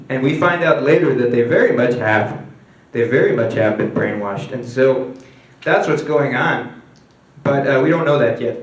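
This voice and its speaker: A man pitching his own film script in a casual walkthrough, loose and rambling, with lots of fillers and asides. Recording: echoey room, mic at a distance.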